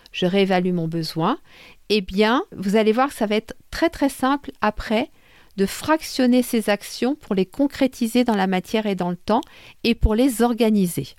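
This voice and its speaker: A woman hosts her podcast and walks through a method in a relaxed, conversational way, pausing on fillers and correcting herself as she goes. Her voice sits at a middle pitch and is recorded close and dry, with no room around it. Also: clean tone, no echo. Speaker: podcast host. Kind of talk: casual explanatory podcast talk.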